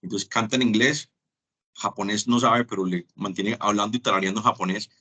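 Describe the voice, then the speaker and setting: A man's voice: fairly low pitch, steady tone, brisk, sharp tone, slightly rough. A man giving an online teaching lecture, chatty and acting out small dialogues as examples. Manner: chatty, acts out little dialogues. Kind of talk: web conference lecture.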